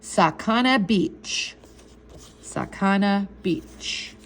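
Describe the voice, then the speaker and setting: A woman voicing a sly thirteen-year-old boy who talks slowly and deliberately, like he is sharing a secret. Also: fairly high pitch, lively intonation, fairly bright tone, slight background noise. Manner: slow, deliberate, conspiratorial.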